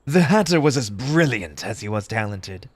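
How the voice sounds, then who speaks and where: A man voicing a grieving, eccentric March Hare, a mannered gentleman speaking formally and theatrically in an ASMR roleplay, halting with emotion. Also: fairly low pitch, very animated, dry recording. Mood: wistful, courteous. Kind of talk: ASMR roleplay character monologue.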